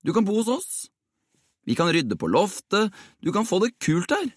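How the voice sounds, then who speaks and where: Guy doing a headstrong kid, way higher pitched, pushy. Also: big pitch swings, no echo, clean studio sound. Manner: headstrong, insistent. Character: stubborn boy, eager teammate.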